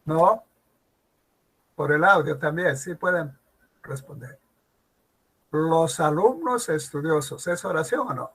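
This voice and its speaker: Gravelly man teaching an online class. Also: fairly high pitch, fairly bright tone, poor audio. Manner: asks students questions, repeats examples slowly. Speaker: language teacher.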